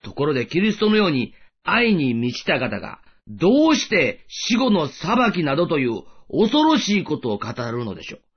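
Man preaching with a lively, high voice. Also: breathy edge, lo-fi sound. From Japan. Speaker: pastor. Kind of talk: sermon.

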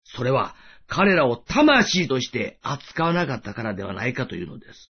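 A male preacher gives a sermon in a high, lively voice that swings up and down. His tone is a little husky. The recording sounds dull and lo-fi. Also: normal speed. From Japan. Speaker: pastor.

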